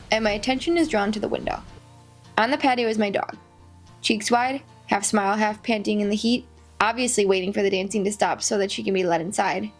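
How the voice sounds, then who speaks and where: A woman vlogger telling a personal story in an expressive, wry way with comic asides. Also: medium pitch. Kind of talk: storytelling narration.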